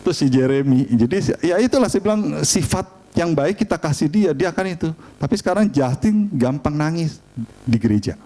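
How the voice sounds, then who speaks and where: Lively middle-aged pastor, slightly high. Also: male voice, moderate pace. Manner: animated storytelling, chatty and humorous. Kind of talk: sermon.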